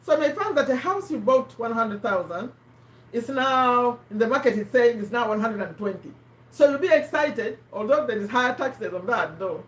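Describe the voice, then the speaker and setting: A woman's voice: fairly high pitch, lively intonation, normal speed, distant mic. A woman from Uganda, hosting a live book discussion in casual, conversational talk, often restarting and quizzing her listeners. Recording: echoey room.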